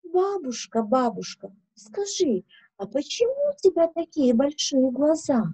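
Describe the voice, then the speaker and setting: An innocent little fairy-tale girl played by a woman speaks in a high, lilting, wondering voice. Her pitch swoops in a curious sing-song. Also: sing-song, measured pace, dark tone, exaggerated voice, poor audio.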